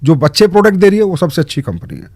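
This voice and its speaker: A man's voice: high voice, sing-song, very fast, a little mellow, no room sound. A man answering interview questions in an earnest way, stressing points with short repeated commands. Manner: emphatic, lists short commands. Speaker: guest in direct selling.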